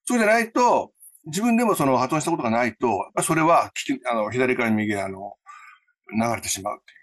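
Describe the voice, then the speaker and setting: A male English pronunciation teacher speaking in an interview. His pitch swings widely as he explains, and he uses many fillers along the way. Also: big pitch swings, quick pace, a bit bright.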